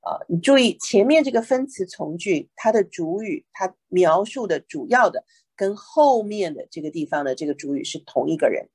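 A woman with a low, slightly breathy voice teaching a Bible lesson in two languages. She reads each English verse slowly, then explains it patiently, dropping in "OK" as she goes. The sound is dry and close, with no room around it. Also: expressive, darkish tone, no room sound. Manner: explanatory, frequent "OK" and "哈" fillers.

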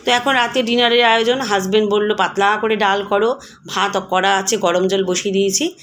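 A woman's voice: mid-range voice, fairly even intonation, brisk, a bit bright, slight background noise. A woman in her forties giving a chatty, homely voice-over of her cooking, addressing viewers as friends. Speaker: vlogger.

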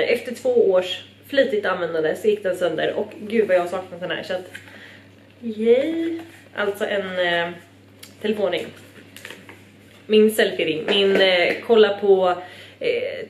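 A woman's voice: medium pitch, reverberant, slight background noise. A young woman from Sweden chatting casually in a vlog at home, bubbly and rambling. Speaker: vlogger.

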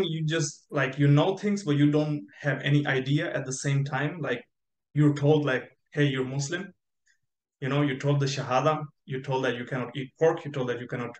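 A young man who grew up in Spain, telling his story as an interview guest on a video call, rambling with many fillers and restarts. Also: mid-range voice. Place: bright room indoors. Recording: echoey room on video call.

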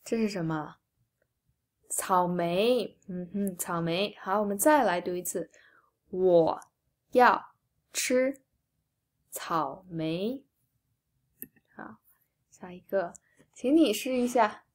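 A young woman teacher reading a picture book aloud to children, patient and encouraging, often dropping to soft whispered prompts. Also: mid-range voice, slow, long pauses.

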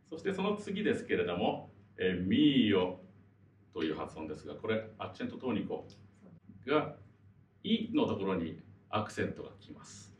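Man, vocal teacher; lower pitch, courteous explanations, distant roomy sound with light hiss. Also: big pitch swings, brisk. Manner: polite, explanatory, frequent fillers. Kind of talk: explanatory lesson.

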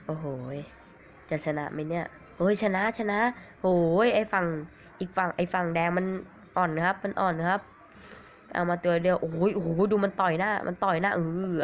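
A man with a cold giving rambling, excitable commentary on a mobile game, swearing at it now and then. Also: high-pitched, normal speed. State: has a cold. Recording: dull lo-fi recording with faint hiss.

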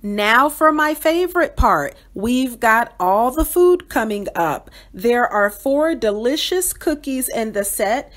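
A woman's voice: fairly high pitch, animated, takes it slowly, few pauses, fairly bright tone. A woman hosting a doll channel, cheerfully describing toy pieces in an unboxing review voice-over. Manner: cheerful, enthusiastic, descriptive with fillers.

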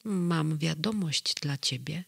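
A reader voicing a chatty talking pillow in a children's bedtime story, speaking low, slow and drawn-out. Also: creaky, a bit bright, dry recording, heavily acted. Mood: mysterious.

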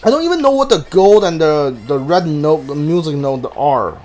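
His pitch swings widely from a slightly high base, and his tone is a touch mellow as the streamer talks through his live playthrough at ordinary speed. He rambles casually and hesitantly while thinking aloud, over faint game ambience.

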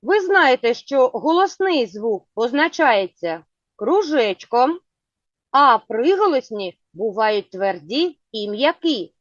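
Slow patient woman teaching children. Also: fairly high pitch, big pitch swings, no echo. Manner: slow, clear, patient questioning. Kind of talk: children's phonics lesson. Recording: dull lo-fi sound.

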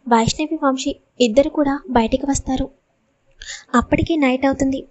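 A woman's voice: sits high, steady tone, normal speed, a little mellow. A woman narrating a serialized audiobook drama with emotional storytelling.

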